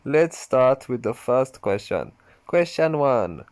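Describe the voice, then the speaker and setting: A man reading a formal crypto event host's lines in a mock Japanese accent, stiff and halting. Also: mid-range voice, very animated, a little mellow, no echo, pitched above the performer's own voice. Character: male crypto event host, formal and polite.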